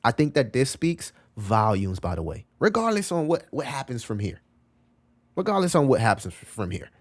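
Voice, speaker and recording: A man's voice: mid-range voice, big pitch swings, moderate pace. A man hosting a casual live stream, talking in a loose, slangy and repetitive way and answering chat messages as he reads them. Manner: loose, slangy and repetitive, often calling out "bro". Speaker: crypto livestream host.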